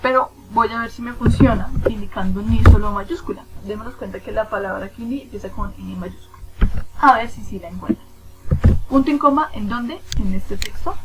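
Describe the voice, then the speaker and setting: A woman's voice: mid-range voice, normal speed, heavy background noise. A woman teacher giving a screen-recorded spreadsheet lesson. She asks and answers her own questions and counts positions aloud step by step.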